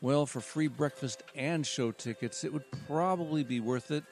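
A man's voice: a little high, normal speed, a little mellow, soft background music, natural voice. A man voicing an ordinary husband on vacation, easygoing and plain.

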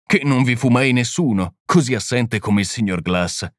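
A man reading the part of a small, gentle priest-detective who explains things calmly and patiently. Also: mid-range voice, normal speed, dry recording, studio quality, close to an everyday voice. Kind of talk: audiobook reading.

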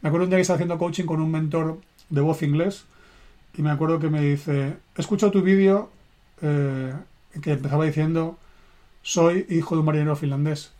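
Earnest Spanish-man, slightly high voice. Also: steady tone, warm tone. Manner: earnest, emphatic, with deliberate slow phrasing. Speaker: personal development coach. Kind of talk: motivational live stream talk.

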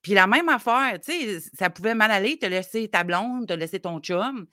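A woman with a Quebec French accent, a parenting coach on morning radio, a bit hoarse, explaining her ideas in a reflective, step-by-step way. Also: medium pitch, lively intonation, moderate pace, sharp tone, dry recording, studio quality. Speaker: parenting coach, regular guest. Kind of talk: casual radio chat.

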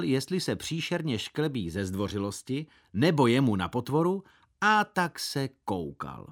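Animated man reading a children's novel. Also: medium pitch. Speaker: reader. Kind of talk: first-person narration of a children's novel.

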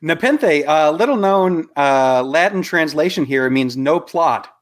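A man hosting a casual podcast, making wry, deadpan jokes. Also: a little high, unhurried. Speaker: podcast host. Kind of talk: casual chat.

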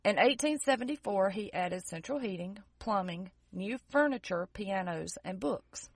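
A woman's voice: medium pitch, expressive, moderate pace, no room sound. A woman casually telling a history story on a podcast, reading out dates from her notes and adding sarcastic jokes. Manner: jokey, with sarcastic asides; reads out dates and figures from notes. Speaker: podcast co-host presenting history.

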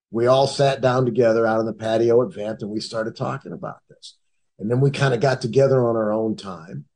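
A man's voice: mid-range voice, darkish tone, slightly rough. A middle-aged man from the Cleveland and Detroit area, telling his own story in a casual, rambling way with many restarts.

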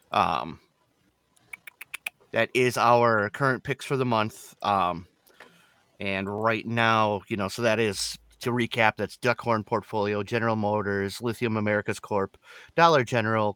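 A man hosting a casual group podcast, chatty and quick to laugh, often restarting his sentences. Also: lowish voice, a bit bright, smooth, no echo, studio quality. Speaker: podcast host.

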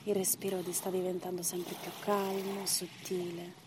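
A woman leading a guided breathing meditation as instructor, in short measured phrases and counts with pauses between them. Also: on the low side, little pitch movement, noisy background.

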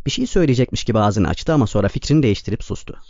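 Male audiobook narrator, quick and mellow, dry dull sound. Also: on the low side, expressive, no room sound. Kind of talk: scripted narration.

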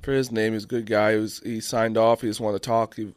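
A man's voice: lowish voice, little pitch movement, fast talker, no echo. A young man hosting a casual chat, telling a story in a rambling way and swearing freely. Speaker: podcast host.

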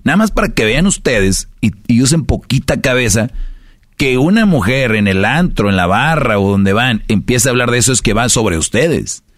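A man's voice: mid-range voice, animated, normal speed, fairly bright tone, no echo, studio quality. A man with a Mexican Spanish accent hosting a casual podcast, lecturing his listeners with rhetorical questions. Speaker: podcast host.

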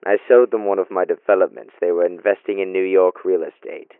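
A man playing a deep, gravelly suspect. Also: steady tone, fairly quick, no echo, phone-quality sound. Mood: indignant. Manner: defensive, indignant and stammering. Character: evasive male landlord suspect under interrogation. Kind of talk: amateur audio drama acting.

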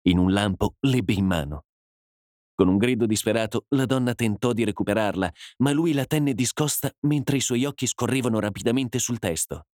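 A man narrating a dramatic story as an audiobook, in a measured, dramatic way. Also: mid-range voice, a little mellow, dry recording, studio quality.

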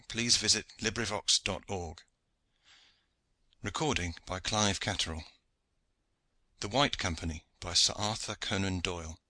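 Low, very bright-voiced male reader. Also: no room sound. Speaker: audiobook narrator. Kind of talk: scripted narration.

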